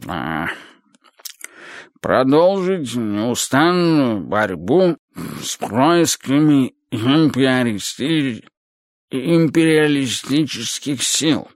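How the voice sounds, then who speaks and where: A man voicing an elderly male Soviet leader who chairs a meeting in a slow, tired drawl, in an audiobook reading. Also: medium pitch, dry recording, clean studio sound, heavily acted.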